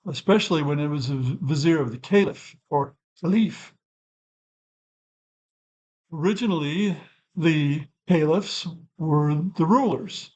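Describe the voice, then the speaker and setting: A man's voice: fairly high pitch, a little mellow, highs cut off. An older man hosting his own channel, talking through a topic in an unscripted, rambling way and correcting himself as he goes. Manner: rambling and thoughtful, self-correcting asides. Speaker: channel host. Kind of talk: unscripted explanatory talk.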